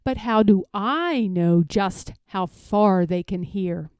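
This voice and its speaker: Woman putting on a gruff, loud boastful bear. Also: mid-range voice, slow, dry recording, close to an everyday voice. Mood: sneering doubt. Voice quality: gruff, growling. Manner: snorting, scornful, emphatic. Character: boastful gruff big male bear, sneering and competitive. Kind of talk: storybook read-aloud character voice.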